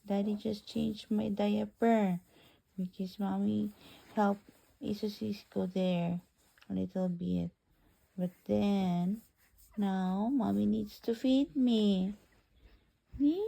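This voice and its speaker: A woman's voice: mid-range voice, steady tone, very slow, vocal fry, long pauses, warm tone, full character voice, low-quality recording. A woman voicing her newborn baby girl in sweet, cooing baby talk.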